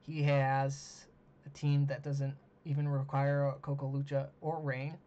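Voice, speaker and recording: A man hosting a solo monologue, talking casually with many ums and uhs, losing his voice and clearing his throat. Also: medium pitch, completely flat delivery, a little slow, mellow. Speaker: host. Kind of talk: solo monologue ranking teams. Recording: dull lo-fi mic with faint hiss.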